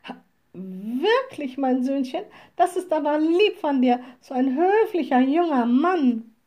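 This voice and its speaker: A woman voicing a cheeky little old witch who talks high and sweetly mocking. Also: very animated, slow pace, dark tone, heavily acted. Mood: sly sweet.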